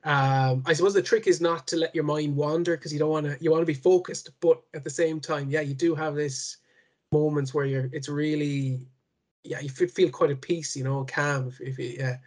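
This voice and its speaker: A man with a west of Ireland accent, chatting casually as an interview guest in a halting way, often repeating words. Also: on the high side, fairly even intonation, darkish tone. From Connemara, west of Ireland. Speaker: interview guest, ultra cyclist.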